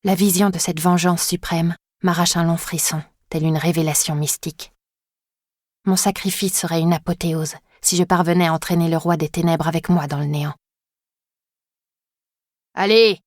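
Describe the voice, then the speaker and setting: A woman reading a first-person dark fantasy audiobook in an intense, dramatic way. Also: on the low side, flat delivery, fairly quick, no room sound, studio quality. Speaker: audiobook narrator. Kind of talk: first-person scripted narration.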